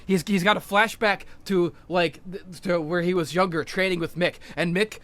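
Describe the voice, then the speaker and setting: A man on a podcast, excitedly retelling movie plots in a rambling, profane way with many restarts. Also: sits high, normal speed. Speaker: podcast co-host. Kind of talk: casual podcast chat.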